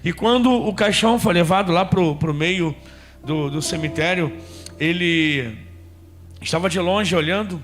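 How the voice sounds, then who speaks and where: High-voiced Brazilian preacher telling stories. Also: male voice, a little slow, fairly bright tone, soft background music. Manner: storytelling preacher, addresses congregation directly. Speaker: pastor. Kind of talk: sermon.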